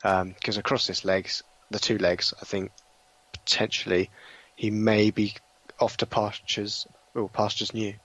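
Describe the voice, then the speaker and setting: A man's voice: lowish voice, level tone, unhurried, a bit bright, dry recording. A man appearing as a guest on a football podcast, asking a question in a hesitant, casual way with many ums.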